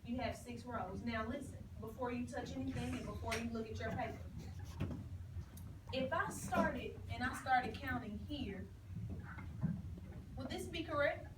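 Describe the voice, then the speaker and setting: High-voiced woman teacher giving firm proctor-like orders. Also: moderate pace, pauses often. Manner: proctor-like firm short directives, counting down and repeating orders. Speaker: second-grade teacher. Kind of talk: classroom instruction with call-and-response prompts. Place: classroom. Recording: roomy, distant mic, clear classroom noise.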